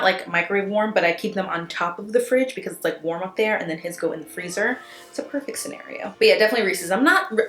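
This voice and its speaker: A woman's voice: mid-range voice, fairly bright tone. Chatty young American woman in a roomy space. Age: young adult. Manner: chatty, informal, giggly, with casual swearing. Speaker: YouTube beauty and fashion vlogger. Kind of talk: casual chat, answering viewer questions to camera. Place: small indoor room at home, seated in an armchair.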